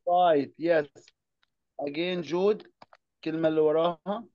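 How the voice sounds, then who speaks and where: A man's voice: fairly high pitch, moderate pace, dry recording, muffled recording. A man with an Egyptian Arabic accent teaching children English phonics, patiently drilling them one word at a time. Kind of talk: classroom phonics lesson.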